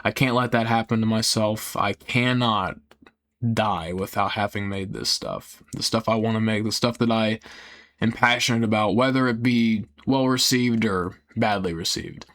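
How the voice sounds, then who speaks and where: A young man talking casually and earnestly in a rambling, halting way that often trails off, with some casual swearing. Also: lowish voice, fairly even intonation, a bit bright. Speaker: video creator. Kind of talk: casual rambling personal talk.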